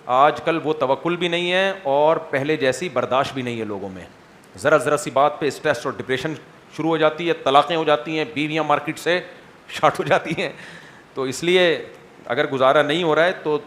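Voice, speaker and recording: Blunt, animated cleric with a high voice. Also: male voice, a little hiss or hum. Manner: animated, rhetorical questions, checks listeners understand; conversational and blunt. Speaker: Islamic scholar answering questions. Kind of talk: question-and-answer religious talk.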